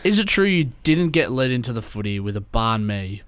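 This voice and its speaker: A man's voice: mid-range voice, sing-song, a little fast, dry recording. A man from Geelong with an Australian accent, a podcast co-host who reads out listener questions in a casual chat.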